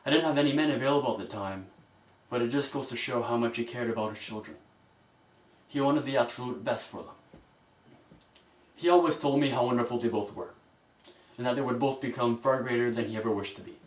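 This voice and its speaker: A man's voice: medium pitch, moderate pace, pauses often, close to an everyday voice. A man playing a grieving, scheming king cast as a president, giving a solemn eulogy. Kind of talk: amateur parody speech. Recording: echoey room, mic far off.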